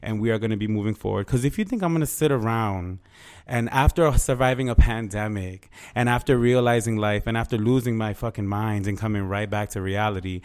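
A man's voice: fairly low pitch, fairly quick, a little mellow, clean tone. A man hosting a podcast, telling stories in a casual, profane, slangy rant and acting out both sides of exchanges with sassy animation. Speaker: podcast host. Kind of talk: casual ranting monologue to listeners.

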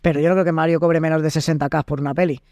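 Man, high voice, Spain Spanish accent, dry close sound, animated explaining, podcast guest. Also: very fast, dry recording. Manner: animated explainer, acts out quoted dialogues. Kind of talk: casual interview chat.

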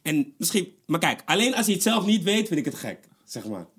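Animated husky man in casual chat. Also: high voice, fairly quick. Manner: animated, slangy, emphatic.

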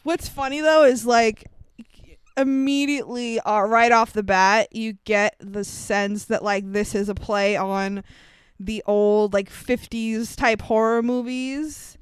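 Laughing young woman, crisp clear voice. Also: a little high, takes it slowly, no room sound. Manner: laughs often, animated, bursts into silly put-on voices. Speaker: podcast co-host. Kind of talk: casual movie review chat.

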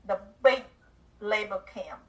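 A woman's voice: mid-range voice, expressive, slow pace, a bit bright, recorded from a distance, rough recording. An older woman from Cambodia, a guest author and speaker, earnestly telling her life story in an interview, with simple phrasing and small grammar slips.

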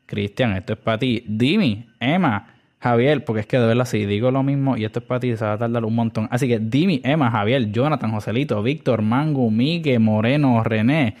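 A man's voice: medium pitch, brisk, a little mellow. A young man with a Puerto Rican accent hosting a casual podcast monologue, chatty, with many fillers and English words mixed in. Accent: Puerto Rican Spanish. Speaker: podcast host.

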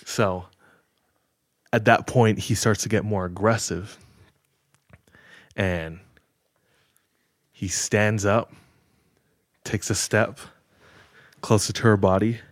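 A man casually retelling a story on a podcast, measured and full of filler words. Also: lowish voice, steady tone, dry recording, studio quality. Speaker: podcast host telling a story.

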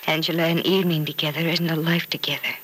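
Bright-toned, despairing young woman. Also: low-pitched, level tone, fast talker, rough recording. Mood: anguished despair. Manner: melodramatic, anguished delivery. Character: Penny Gibbs, despairing grief-stricken young woman patient. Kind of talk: 1940s radio soap opera acting. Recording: old radio recording with faint noise.

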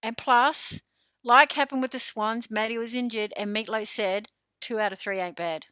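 A woman with an Australian accent, a football coach co-hosting a casual sports podcast, animated and quick to laugh. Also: fairly high pitch, smooth, dry recording. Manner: animated, chatty, laughs often.

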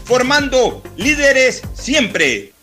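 A man's voice: very high voice, very animated, extremely slow, over loud music. A man reading a university commercial in a polished, inspirational tone. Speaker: ad announcer. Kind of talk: scripted commercial.

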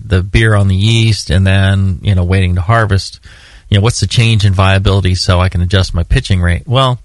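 A man's voice: low-pitched, dry recording, studio quality. A man co-hosting a homebrewing podcast, talking in a loose, rambling way with lots of fillers and some teasing. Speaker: podcast co-host. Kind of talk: casual podcast chat.

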